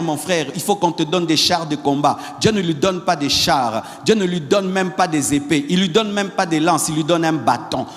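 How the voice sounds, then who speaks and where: A male pastor delivering a sermon, repeating phrases and building up to shouted exhortations to the congregation. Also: on the high side, long reverb tail. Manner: repetitive, rising to shouted exhortations.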